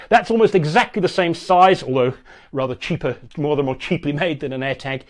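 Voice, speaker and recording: Male host, slightly higher voice, chatty tech explainer who rambles and restarts.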